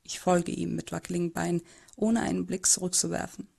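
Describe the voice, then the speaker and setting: A woman's voice: lowish voice, flat delivery, fairly quick, vocal fry, warm tone, husky, full character voice. A woman voicing a timid, bullied teenage boy who narrates his own story in an amateur audio drama, in a hesitant, subdued way.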